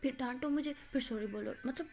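A woman doing an impatient young woman who whines and begs. She complains with a slightly raised, pushy voice, the quick temper always close to the surface. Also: high voice, darkish tone. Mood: complaining. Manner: whiny, complaining, pleading.

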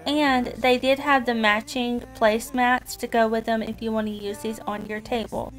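This woman's voice is a little high, fairly even in intonation, and at a normal speed. She's a chatty, friendly vlogger in her thirties with a Southern US accent, addressing viewers as "y'all" while going over her shopping haul in a parked car. The rough recording comes from a dashboard camera, with faint music in the background.

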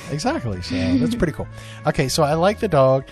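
Chatty dad opening toy eggs. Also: male voice, fairly high pitch, very animated, brisk, darkish tone, soft background music. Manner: upbeat, chatty, lots of fillers. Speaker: parent co-host unboxing toys. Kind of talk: casual family toy unboxing.

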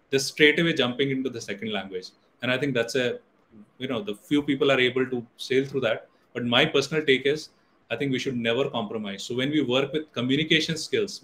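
Giving an English-language guest lecture online, this middle-aged Indian man, whose native language is Hindi, restarts often and uses many fillers. His voice is mid-range and a bit bright, recorded at low quality on a webcam or laptop mic in an indoor room during a video call.

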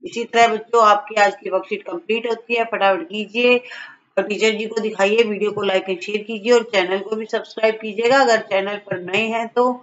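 A woman teacher walks young children through a homework worksheet. She speaks at a middle pitch, repeating each word and correcting spellings. The voice-over sounds dull and lo-fi. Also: steady tone, moderate pace, a bit bright.

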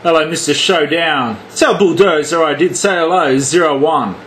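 Sitting at a radio set indoors, an Australian man working CB delivers flashy, repetitive chatter full of call signs and slang. His voice is slightly high and fairly bright, at normal speed, recorded in a noticeably noisy room beside the crackling radio.

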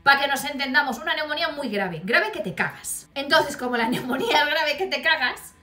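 A woman tells a personal story for her vlog, bright and fairly high in voice. She talks bluntly and wryly, with no filter on her swearing. The room around her rings with echo, and faint music plays underneath. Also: expressive, fairly quick. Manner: blunt, profane, wry storytelling. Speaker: vlogger.

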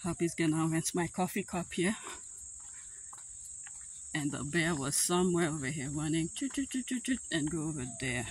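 A man with a fairly high voice chats casually as he walks through a park, pointing out what he sees. He is recorded on a handheld phone outdoors, and a faint outdoor hum sits behind him. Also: animated, normal speed, poor audio. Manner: chatty, narrates the surroundings while walking. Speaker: family vlogger. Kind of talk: casual walking commentary.

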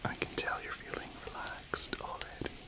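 A middle-aged man in a whispered role-play as a gentle, reassuring chemist, speaking in a soft, soothing spa whisper. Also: moderate pace. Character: gentle, reassuring male chemist tending to a client. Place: indoor studio set.

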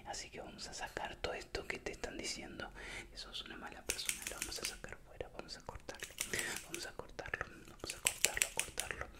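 A young man with a Latin American voseo accent delivers a whispered pep talk for ASMR. His voice stays in a breathy, unvoiced whisper, close to the mic. He repeats words soothingly and keeps an encouraging manner. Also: extremely high pitch. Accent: Latin American Spanish with voseo. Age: young adult. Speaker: ASMR creator. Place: small indoor room with bare wall. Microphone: desk microphone up close.

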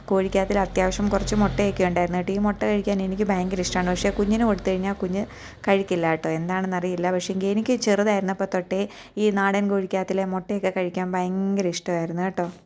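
A young adult woman with a Keralite Malayalam accent narrates a home cooking video as a voice-over recorded on its own. Her voice sits at a middling pitch. She talks in an easy, chatty way and keeps inviting viewers to share their own experiences. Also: level tone, quick pace, a little mellow, a little hiss or hum. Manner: chatty, tags many sentences with a friendly aside, asks viewers to share. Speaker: cooking vlogger. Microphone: voice-over recorded separately.

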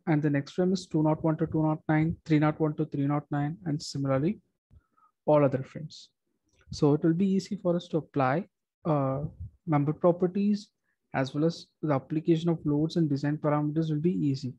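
A young man steps through his engineering software in a measured, methodical way, pausing on fillers and restarting phrases. His voice sits fairly high but sounds mellow. The recording is dull and dry, like a simple desk microphone. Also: husky, dry recording. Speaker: structural engineer demonstrating software. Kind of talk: screen-recorded software walkthrough.

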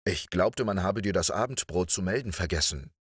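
A man voicing a gentle, kindly lady who speaks reassuringly in an audiobook story. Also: low voice, animated, normal speed, breathy edge, no room sound, clean studio sound. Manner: soft, reassuring. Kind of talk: audiobook reading.

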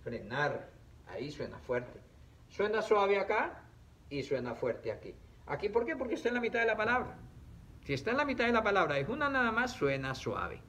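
A male teacher giving a reading lesson to children on camera, stretching out syllables in a playful, animated way. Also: sits high, normal speed.

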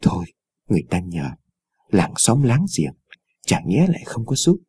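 A man voicing a doubtful villager in a ghost story, speaking low and muttering. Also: big pitch swings, normal speed, warm tone, breathy edge, heavily acted. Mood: gloomy. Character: gloomy male villager, doubtful. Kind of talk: storytelling voice acting.

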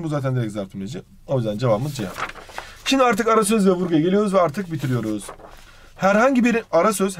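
A young man teaching an exam-prep grammar lesson, quickly asking and answering his own questions, recorded close and dry. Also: a little high, dry recording.

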